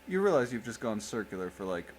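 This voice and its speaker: A man's voice: on the low side, sing-song, fast, background noise. A man giving sarcastic, insulting reaction commentary on a video.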